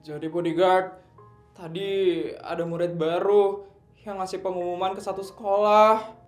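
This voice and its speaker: Supportive schoolgirl friends played by a man who chat in a casual, comforting way. Their voices sit high. The room echoes faintly with music. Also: little pitch movement, unhurried. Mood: explaining.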